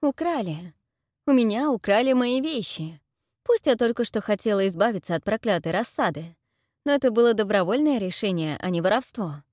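A defiant young heroine yells in shrill exasperation, as a woman reader puts her on. She has a storybook feel and the recording is dry and close. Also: animated, slow, dry recording. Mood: indignant. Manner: shouting, exasperated.

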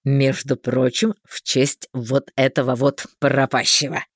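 A woman doing a brash, jolly male mage for an audiobook, with a voice pitched well below her own. He talks loudly and bluntly. The recording is dry and close. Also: little pitch movement, unhurried, husky, no room sound, exaggerated voice. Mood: hearty. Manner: loud, chummy, slangy. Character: cheerful, brash male mage, grown man. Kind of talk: audiobook character voice.

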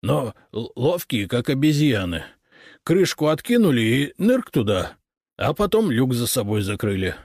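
A man's voice: medium pitch, big pitch swings, measured pace, a little mellow, no echo, studio quality, voice pushed up. A man voicing a sly, boastful male drunkard who stammers and wheedles. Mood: wheedling.

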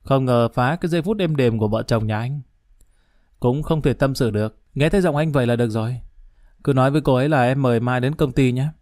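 A man's voice: mid-range voice, fast, darkish tone, no echo, studio quality, natural voice. A man voicing a sly, domineering woman near fifty who talks in a cool, mocking, condescending way.

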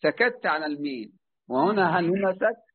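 A man with an Egyptian Arabic accent runs a recitation lesson, calling on students and drawing out each example slowly. His voice sits somewhat high for a man. It comes through a narrow, tinny phone-like call line. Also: expressive, slightly rough. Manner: patient, drawn-out quizzing, slow modelled recitation. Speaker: tajweed teacher.

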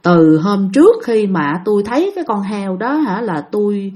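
A woman's voice: lively intonation, fast, close to an everyday voice. A woman voicing a frail, sick old man who talks weakly and tiredly. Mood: weary. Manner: weak, tired, lowered voice.

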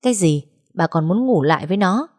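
A woman's voice: on the low side, lively intonation, a little fast, darkish tone. A woman voicing a short-tempered middle-aged father who scolds his family in an audio story. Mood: bitter. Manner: scolding, gruff.

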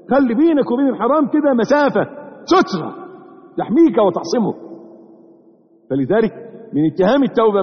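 Egyptian male preacher, high and lively, fast, echoey lo-fi hall sermon. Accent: Egyptian Arabic. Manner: animated, keeps asking the audience rhetorical questions. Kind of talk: sermon to a live audience. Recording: echoey hall, dull lo-fi audio.

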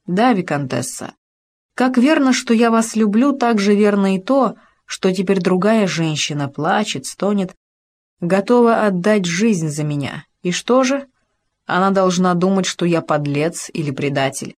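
A woman's voice: mid-range voice, lively intonation, a little slow, darkish tone. A woman voicing an ardent young male officer in an audiobook, reading his lines with impassioned pleading.

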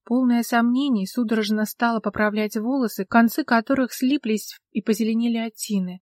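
A woman reading a story aloud in measured, scripted narration. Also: fairly high pitch, fairly even intonation, darkish tone, no room sound, clean studio sound. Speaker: audiobook narrator.

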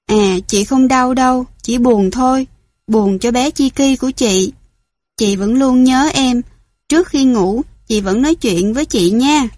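A gentle ten-year-old girl murmuring softly and tenderly, as a woman reads her. The voice sits a little high. The sound is dry and close, with no room around it. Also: unhurried, no room sound. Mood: sad tender. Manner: tender, coaxing whisper-like murmur.

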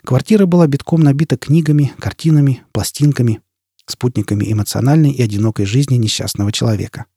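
A man reading an audiobook as narrator, in a steady, even way. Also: medium pitch, fast, slightly rough, no echo, clean studio sound. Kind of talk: scripted narration.

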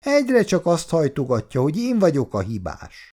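A fretful old grandmother with a high, worried voice full of complaint, swinging her tone widely as she frets, as a man puts her on while reading the story aloud. She sounds anxious and put-upon. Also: huge pitch swings, mellow. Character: fussy elderly female grandmother, anxious.

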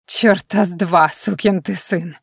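A woman's voice: fairly low pitch, steady tone, unhurried, vocal fry, slightly rough, dry recording, studio quality, full character voice. A woman reading the lines of a drunk, heartbroken young woman in an audiobook, bitter and accusing, some of them hissed in a whisper. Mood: furious.

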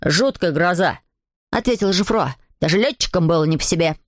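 A woman reading aloud voices a hot-tempered schoolboy who brags and shouts. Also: lowish voice, animated, a little fast, no echo, studio quality, voice pushed down. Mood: bragging. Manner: shouting, bragging.

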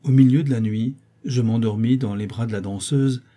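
A man narrating a classic novel as an audiobook with a measured, expressive reading. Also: medium pitch.

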